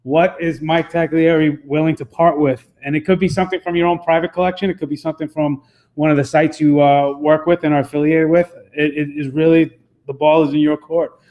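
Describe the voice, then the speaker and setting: A man's voice: fairly high pitch, fairly even intonation, fairly quick, dull audio. A man hosting a podcast interview, talking casually in a rambling way with many fillers. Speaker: podcast host.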